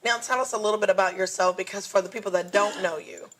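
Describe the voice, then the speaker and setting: A woman's voice: mid-range voice, fairly even intonation, quick pace, a bit bright, a little hiss or hum. A woman hosting a talk show, effusive and affectionate, laughing often with her guest. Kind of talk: bubbly talk show banter.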